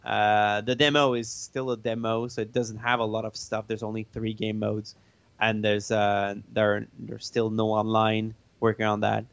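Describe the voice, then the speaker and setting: Male game developer in a casual interview, low-pitched and even, halting delivery, slightly dull lo-fi sound. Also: creaky. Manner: halting, searching for words. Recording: roomy, band-limited dull sound.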